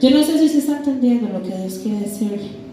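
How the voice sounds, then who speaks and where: A woman's voice: fairly high pitch, lively intonation, brisk. A woman preaching a sermon, passionately acting out the dialogue of the scripture story. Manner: impassioned, acts out dialogue between biblical figures. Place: church. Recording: echoey church hall with music. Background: soft music.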